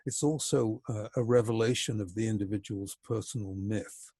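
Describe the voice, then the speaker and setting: A man with a low voice gives a reflective lecture in a measured, explanatory way. His tone is husky and mellow. The sound is dry and close. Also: fairly even intonation, no room sound. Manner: measured and explanatory, slowing for emphasis.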